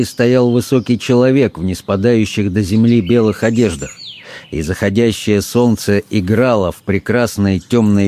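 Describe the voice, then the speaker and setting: A male narrator reads a story aloud in a measured, unhurried way. His voice is on the low side and dark and mellow in tone. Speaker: audiobook narrator. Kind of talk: scripted narration.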